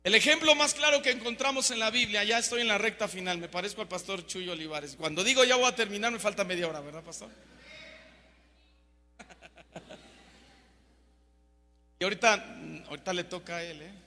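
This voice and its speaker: Male preacher, high bright voice, emphatic sermon in a big echoing hall. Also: moderate pace, pauses often. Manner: emphatic, swings from loud to hushed. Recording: long hall reverb.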